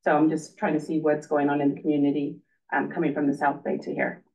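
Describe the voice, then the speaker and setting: A woman's voice: sits low, little pitch movement, fast talker, creaky, darkish tone. A middle-aged woman introducing herself at a public meeting in a casual, plain-spoken way. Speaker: committee member, parent. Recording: distant, muffled meeting-room recording.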